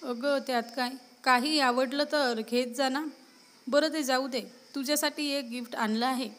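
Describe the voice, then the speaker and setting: A woman voicing a gruff young male college student who scolds bluntly but cares. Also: high-pitched, steady tone, normal speed, fairly bright tone. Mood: teasing. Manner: scolding, blunt, secretly caring.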